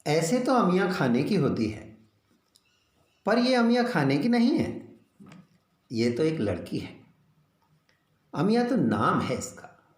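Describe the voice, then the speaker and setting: A man reads his own children's story aloud, unhurried and expressive. His pitch rises and falls widely as he tells it, and his pace stays slow. The recording has a roomy echo.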